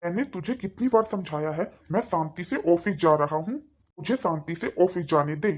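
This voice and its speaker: A short-tempered young husband snaps and scolds in this cartoon, as a woman voices him. The voice sits low and gruff. The recording is dull and lo-fi. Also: expressive, moderate pace, a little mellow. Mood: irritated. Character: irritable young husband heading to the office. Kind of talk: cartoon voice acting. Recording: dull lo-fi sound.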